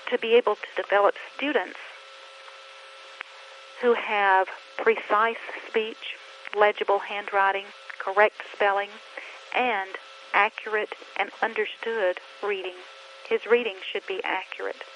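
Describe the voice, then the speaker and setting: A middle-aged woman with a voice of ordinary pitch for a woman, explaining to parents in an earnest, measured way. She poses a string of questions and pauses now and then to think. A faint noise sits under her voice. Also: a bit bright, rough recording. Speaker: reading teacher trainer. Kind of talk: instructional talk to parents.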